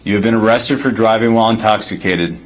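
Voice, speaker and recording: On a body camera recording with slight background noise, a policeman with a lowish voice reads a legal form quickly. He is formal and procedural, insisting firmly on his instructions.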